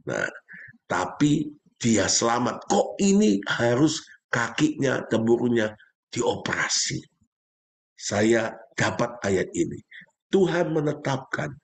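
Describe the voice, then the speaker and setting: A male pastor delivers a sermon to his congregation in a gravelly, middle-pitched voice. He preaches emphatically and often leaps up in pitch on key words. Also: very animated, a little slow. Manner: addresses congregation directly.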